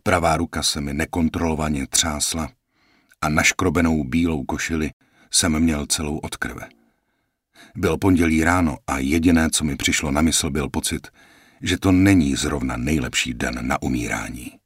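A man with a very deep, husky voice reads a first-person audiobook. He narrates calmly and reflectively at a measured pace. The sound is dry and close. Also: dry recording.

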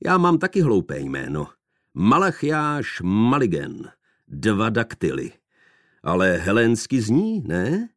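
A plump, jovial young man mocks and banters in a theatrical, low voice that leaps up and down in pitch, as a male reader puts him on. The sound is close and dry, with no room around it. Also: wildly swooping pitch, no echo. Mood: bantering.

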